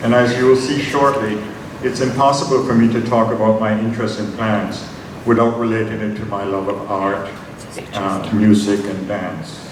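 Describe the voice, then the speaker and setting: A man's voice: on the low side, level tone. Guy in his 70s giving a talk, far from the mic, lots of room echo. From Jamaica. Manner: unhurried, personal, with frequent ums and uhs. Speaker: invited lecturer. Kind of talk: academic lecture with slides. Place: large conference hall. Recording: very echoey hall, distant mic, noisy.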